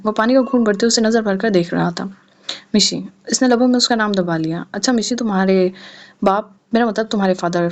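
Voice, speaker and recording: A woman's voice: medium pitch, darkish tone. A woman narrating an audio novel, reading each character's lines in her own voice. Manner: reads all characters' dialogue in her own voice.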